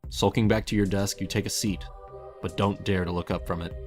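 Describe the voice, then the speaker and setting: Soft music accompanies a low-voiced man as he narrates a fan fiction story written in the second person. He reads the script in a steady tone, a little on the fast side.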